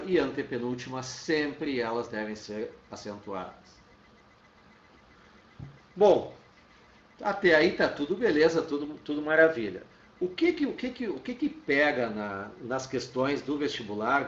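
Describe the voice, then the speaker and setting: Male teacher, slow, echoey and distant. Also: medium pitch. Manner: explains step by step, checks in with "tá?". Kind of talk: classroom lecture. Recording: roomy, dull sound from off-mic.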